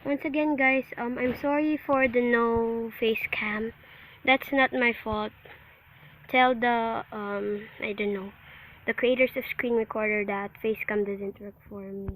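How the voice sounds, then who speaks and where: A woman's voice: a little high, steady tone, a little slow, fairly bright tone. A woman who sounds under the weather, giving casual commentary as host of a gaming video. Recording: noisy home recording with clicks.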